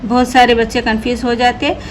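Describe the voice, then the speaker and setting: A woman teaching an Urdu reading lesson, repeating each word slowly and patiently explaining how the letters sound. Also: on the high side, level tone, slight background noise, rough recording. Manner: slow drilled repetition of each word.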